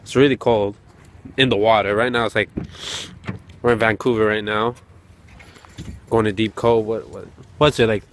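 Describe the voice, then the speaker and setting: A man's voice: fairly low pitch, fairly even intonation, moderate pace, long pauses. A young man chats casually and slangily as a vlogger, filming himself at arm's length. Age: young adult. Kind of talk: casual vlog chat with slang. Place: handheld camera in a car and outdoors. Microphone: camera at arm's length. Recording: music and car noise behind.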